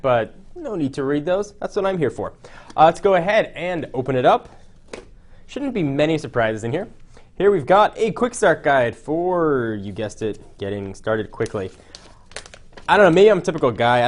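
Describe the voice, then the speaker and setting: A young man chatting casually through a phone unboxing, jokey and full of "uh" fillers. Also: a little high. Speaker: tech reviewer.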